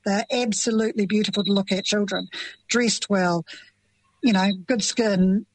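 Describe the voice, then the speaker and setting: A woman's voice: mid-range voice, steady tone, moderate pace, no room sound, poor audio. A middle-aged woman with a New Zealand accent, speaking earnestly and passionately as a parent in an interview. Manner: earnest, impassioned, plain-spoken. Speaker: parent of children with FASD. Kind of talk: emotional interview answers.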